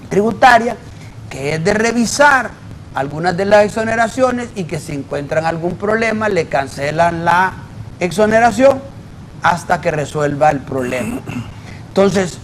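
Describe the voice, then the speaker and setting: Male auditor guest, high-pitched, emphatic and explanatory. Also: slight background noise, poor audio. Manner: emphatic, explains with worked examples. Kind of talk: debate in a TV interview.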